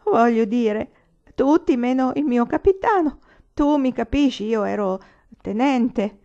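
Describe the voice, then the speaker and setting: A woman reading aloud voices a drunk young male army lieutenant who talks loudly and boastfully. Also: fairly high pitch, animated, unhurried, pitched above the performer's own voice. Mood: drunken, blustering. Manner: loud, boastful, sobbing and angry by turns. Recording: slightly dull, lo-fi recording.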